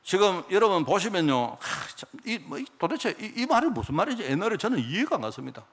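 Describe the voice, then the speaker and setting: A male pastor preaching a conversational sermon at a church service, talking in an animated way and firing rhetorical questions at the congregation. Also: high-pitched, fast, husky.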